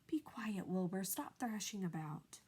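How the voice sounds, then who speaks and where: Wise, gentle lady spider read by a woman, soft and measured, storybook. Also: medium pitch, expressive, slightly rough. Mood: calm. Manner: quiet, measured and soothing. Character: wise, gentle female spider, calm and dying.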